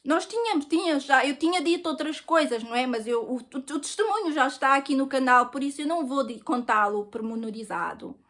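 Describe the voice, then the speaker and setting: High-voiced European Portuguese woman testifying. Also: expressive, fairly quick, hardly any pauses, fairly bright tone. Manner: earnest, emotional storytelling. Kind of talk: personal testimony.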